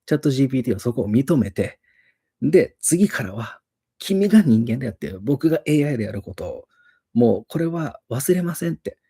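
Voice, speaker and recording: 関西訛りの中年男性講師、くだけた一人語り、声は暗めで少しかすれ、抑揚は大きい。. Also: male voice, mid-range voice, a little fast, husky. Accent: Osaka dialect. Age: middle-aged. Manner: chuckles often, animated retelling. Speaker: English teacher. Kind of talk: casual storytelling monologue.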